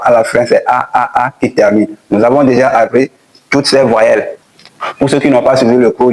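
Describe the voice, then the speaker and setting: A man teaching a spoken language lesson, patiently repeating each point and sounding out letters slowly. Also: mid-range voice, rough recording.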